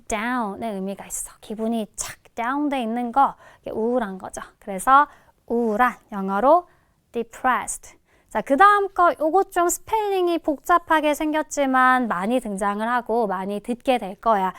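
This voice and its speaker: A woman teaching English listening in a recorded lecture, addressing students casually and modelling each word's pronunciation slowly. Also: on the high side, fairly bright tone, smooth, no room sound, clean studio sound.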